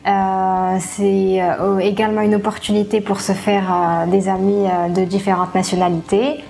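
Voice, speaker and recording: Hesitant, gravelly young woman from Morocco. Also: medium pitch, flat delivery, warm tone, faint music behind. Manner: hesitant, many filler pauses. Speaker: student. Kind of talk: student testimonial.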